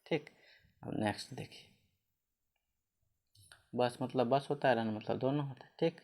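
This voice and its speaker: A man's voice: mid-range voice, a little slow, a little mellow. A man teaching English spelling and pronunciation rules, asking questions and answering them himself while spelling words out letter by letter.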